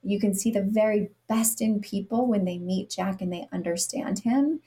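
A woman's voice: medium pitch, moderate pace, warm tone. A middle-aged woman, a guest on a podcast interview, talking earnestly in a storytelling way and sometimes acting out what people said with a sarcastic edge. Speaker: guest, nonprofit CEO.

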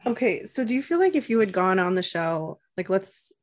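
A woman's voice: mid-range voice, very animated, normal speed. Woman host asking easygoing questions. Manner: friendly, asks long questions. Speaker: podcast host. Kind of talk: casual interview chat.

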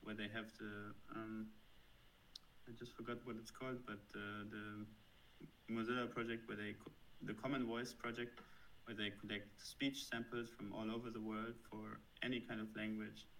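A software developer in his thirties, appearing as an interview guest, answers thoughtfully in a German accent with frequent fillers and restarts. His voice is on the low side, flat, and fairly bright at a moderate pace. The recording is rough, with slight background noise.

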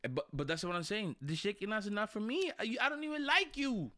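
A man's voice: high voice, animated, fairly quick, bright, forceful tone, no echo, studio quality. A man in a casual, profane chat, ranting insistently in street slang and repeating his phrases.

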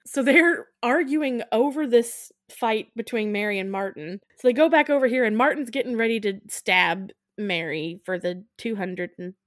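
A woman around thirty co-hosting a podcast, retelling a film in an animated, giggly way and acting out the quotes. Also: a little high, normal speed, few pauses, no echo, studio quality. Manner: animated, giggly storyteller who acts out quotes. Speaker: podcast co-host. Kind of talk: casual chat.

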